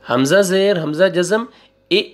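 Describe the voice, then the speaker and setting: A man teaching Quran reading, spelling out syllables slowly one by one, repeating them and correcting wrong readings. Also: high voice. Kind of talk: slow spelling-out recitation lesson.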